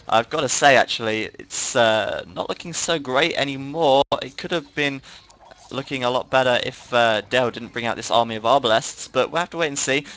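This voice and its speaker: A man's voice: medium pitch, fairly bright tone, low-quality recording. Tired man calling a game. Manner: brisk play-by-play with frequent fillers. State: tired, yawning. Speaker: game commentator. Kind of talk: live strategy game commentary.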